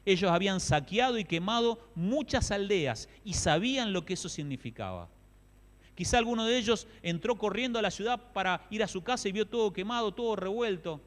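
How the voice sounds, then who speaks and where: A male Argentine preacher delivers a sermon with a high, very lively voice. He drops to near whispers and then rises to loud, pleading outbursts. The sound carries a long echo from the church hall. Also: brisk. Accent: Argentine Spanish. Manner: impassioned, swings from hushed to loud and pleading. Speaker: pastor.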